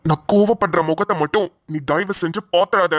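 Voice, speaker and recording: A man's voice: sits high, brisk, a bit bright. A man playing a stern, blunt young husband. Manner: blunt, warning tone. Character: stern young husband, gruff and protective of brother.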